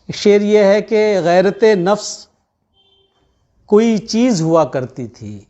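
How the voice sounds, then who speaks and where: A man reciting ghazal couplets as a poet at a gathering, declaiming each line deliberately and repeating it for his listeners. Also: sits high, lively intonation, warm tone, muffled recording.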